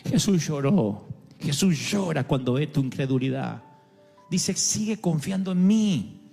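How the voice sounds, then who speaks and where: Pastor, high voice, lively dramatic sermon in a big echoing hall with soft music. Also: male voice, a little slow, gravelly, breathy edge. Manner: dramatic, acts out quoted voices, humorous asides. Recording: live hall with long reverb, faint music.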